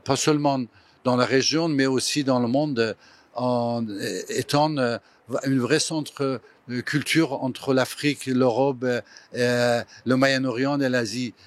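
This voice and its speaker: A man's voice: mid-range voice, fairly even intonation, no echo. Hesitant older man. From Iran. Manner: hesitant, many fillers, slow and reflective. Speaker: photographer interviewed. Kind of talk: interview statement.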